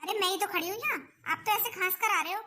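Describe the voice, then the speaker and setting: A bright, very high-pitched voice snaps and scolds as a stubborn mother-in-law in a home drama skit, acted by a woman. She brushes people off and argues back without pause. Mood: pleading. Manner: scolding, dismissive. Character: nagging middle-aged mother-in-law, stubborn.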